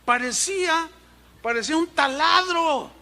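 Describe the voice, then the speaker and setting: A man preaching, telling humorous anecdotes in an animated way and imitating sounds. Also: extremely high pitch, measured pace, gravelly. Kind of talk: sermon storytelling.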